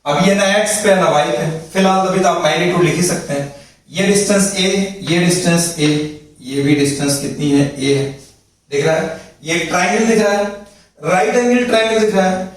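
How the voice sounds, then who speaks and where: At a board in a classroom, a man lectures on physics step by step, repeating points and checking "thik hai" to make sure students follow. His high-pitched voice moves at a moderate pace, captured by a distant mic in a very echoey room.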